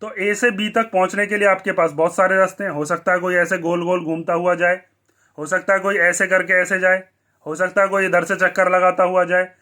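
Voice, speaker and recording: Male maths teacher, high voice, bright tone, asks and answers his own questions. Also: flat delivery, brisk. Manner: asks the class questions and answers them himself. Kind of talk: blackboard maths lesson.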